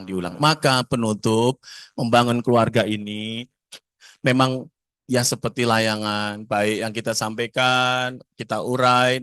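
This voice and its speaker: A man giving a lively seminar talk to parents, often asking the audience questions. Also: mid-range voice, no room sound. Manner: animated, asks the audience questions.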